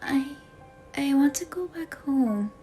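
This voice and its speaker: A woman's high, expressive voice plays an anxious, lonely schoolgirl confiding in her mother in a dramatic monologue for a voice acting demo reel. Slow, dark-toned and hesitant, her plaintive delivery sounds uneasy and upset, with soft background music behind it.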